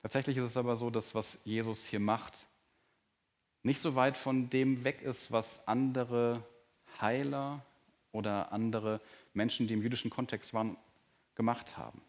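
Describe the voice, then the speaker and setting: A man delivers a sermon in a plain mid-range voice. He talks earnestly to his congregation and shifts between brisk explaining and soft, slow emphasis. The talk is recorded in a church hall. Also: mid-range voice, flat delivery. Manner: earnest, varies pace and volume, drops to soft, slow emphasis. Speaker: pastor.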